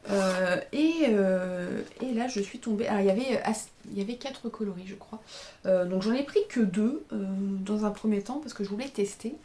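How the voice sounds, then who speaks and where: A woman's voice: medium pitch, normal speed, mellow, slight background noise. A woman hosting a knitting podcast, chatting casually at home, hesitant, with many fillers and self-corrections as she shows her yarn. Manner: shows yarn and socks to the camera. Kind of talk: casual chat. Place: indoor room by a window.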